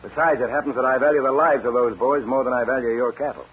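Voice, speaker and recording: A man's voice: medium pitch, steady tone, fast talker. An actor playing a shifty, folksy ranch foreman with a drawling, evasive manner, in 1940s radio acting. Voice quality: raspy. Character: shifty, folksy man running a cattle ranch. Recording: dull old radio broadcast.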